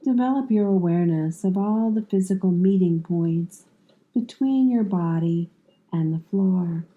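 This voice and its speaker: Tinny, narrow audio captures a female yoga nidra teacher with a fairly low voice. She guides the meditation calmly, giving soothing cues in measured phrases punctuated by long pauses.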